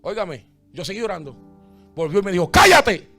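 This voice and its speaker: A man preaching a sermon as pastor, swinging from hushed talk to shouts and calling his listeners "amado". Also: high voice, animated, quick pace, soft background music. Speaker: bishop, pastor.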